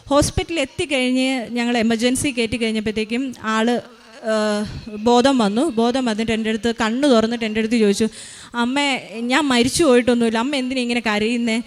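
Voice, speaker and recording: Speaking earnestly and hesitating often, a mother in her thirties shares her faith testimony by recounting what happened. Her voice is a little high.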